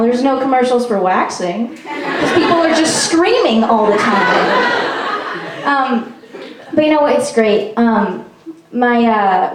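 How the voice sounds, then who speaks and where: At a small performance venue, a young woman from Peru does stand-up, poking fun at herself in a chatty way with frequent ums. Her voice sits on the high side and is far from the mic in an echoey room.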